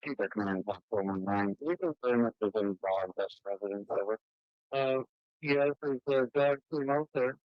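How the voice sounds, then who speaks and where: A man's voice: lowish voice, moderate pace, dry recording. A man speaking over a police radio dispatch channel, an officer giving brief clipped replies. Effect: police radio dispatch transmission. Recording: dull lo-fi police radio audio.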